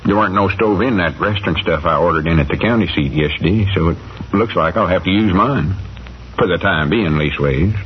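An actor playing a folksy, easygoing small-town storekeeper with a rural Southern accent in an old radio comedy. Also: male voice, low-pitched, brisk, natural voice. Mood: musing. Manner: homespun country talk. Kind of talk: 1940s radio comedy-drama acting. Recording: dull, noisy old radio recording.

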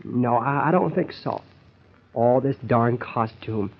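An actor playing an exasperated, scheming husband, bossy and impatient, in the style of old-time radio comedy. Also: male voice, mid-range voice, takes it slowly, creaky, husky, heavily acted. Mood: grumbling, hushed irritation. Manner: impatient, bossy, hushing and cajoling. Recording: dull, lo-fi old radio recording.

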